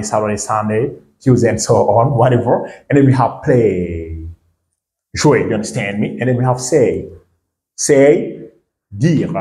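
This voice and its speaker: A man's voice: medium pitch, a little mellow. Guy teaching english in french, says each word over and over, asks "you understand me" a lot, roomy echo. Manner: explains in French, repeats English words slowly, often asks "you understand me?". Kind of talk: language lesson.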